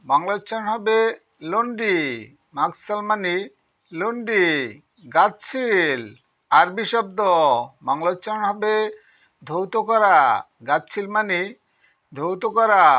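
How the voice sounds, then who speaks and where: High bright man, slow repetitive vocab drill, dull lo-fi sound. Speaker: language teacher. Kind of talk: vocabulary lesson.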